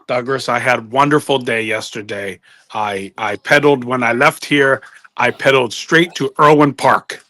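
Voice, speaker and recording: A man's voice: mid-range voice, moderate pace, bright, forceful tone, dry recording, natural voice. A man voicing a goofy male ninja entertainer who talks in clipped broken English and mock-wise sayings. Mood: jokey. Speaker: recurring comic guest.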